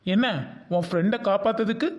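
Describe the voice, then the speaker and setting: A man's voice: sits high, brisk, a little mellow, close to an everyday voice. A man playing a stern scolding schoolteacher with a Tirunelveli Tamil accent. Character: stern male schoolteacher, strict. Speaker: teacher. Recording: dull lo-fi sound.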